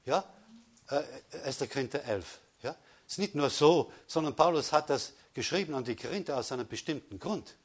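A man preaches to his congregation with emphatic, repeated declarations. His voice sits a little high and sounds husky. He swings from loud calls of praise to quiet, pressing asides. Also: lively intonation, moderate pace. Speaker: pastor. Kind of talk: sermon.

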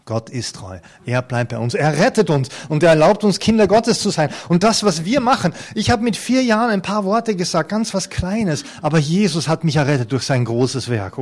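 A man's voice: medium pitch, a little mellow. A man in his fifties preaching an earnest, conversational sermon to a congregation, with touches of light humor. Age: 50s. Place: church hall before a congregation.

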